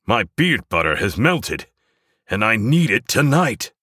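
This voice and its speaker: A man's voice: a bass voice, very animated, slow, sharp tone, dry recording, clean studio sound, exaggerated voice. A man doing a debonair, theatrical hero. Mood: frantic. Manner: smooth-talking, theatrical. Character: debonair male hero, dramatic and vain.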